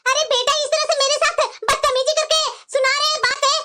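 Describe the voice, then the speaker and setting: A woman's voice: very high-pitched, little pitch movement, a little fast, sharp tone. A woman voicing a stubborn, quarrelsome young daughter-in-law in a cartoon. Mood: angry. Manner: defiant, quarrelsome, talks back. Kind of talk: Hindi cartoon voice acting.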